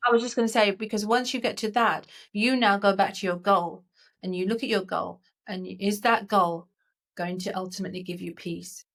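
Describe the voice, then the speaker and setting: A woman with a mid-range voice co-hosts a coaching podcast, speaking fairly quickly. She explains ideas earnestly but in a relaxed, conversational way, often restarting her sentences.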